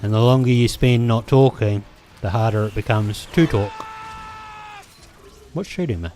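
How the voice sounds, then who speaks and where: A man's voice: lowish voice, steady tone, moderate pace, a little mellow, a little hiss or hum. A man with a New Zealand accent, hosting a let's play and rambling hesitantly between game moments, with plenty of ums and restarts. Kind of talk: casual gameplay commentary.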